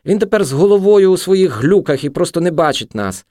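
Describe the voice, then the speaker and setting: A man's voice: high-pitched, sing-song, brisk, warm tone, dry recording, studio quality, pitched above the performer's own voice. A man voicing a frightened young woman who anxiously pleads with her companion. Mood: pleading.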